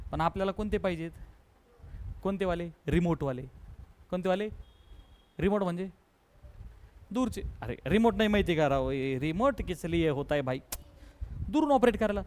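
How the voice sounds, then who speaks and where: A man with a Marathi accent teaching a math lesson, briskly coaxing pupils and drilling them with repeated questions. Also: sits high, lively intonation, darkish tone. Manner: brisk, coaxing, keeps prompting pupils to answer quickly; repetitive call-and-response questioning. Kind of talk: online class lesson.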